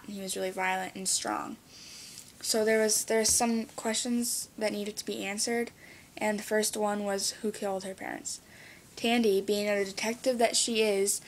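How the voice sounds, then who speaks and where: Female student, book report read in a flat, level tone, casual fillers. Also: medium pitch, a little hiss or hum. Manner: plain, even recitation with fillers.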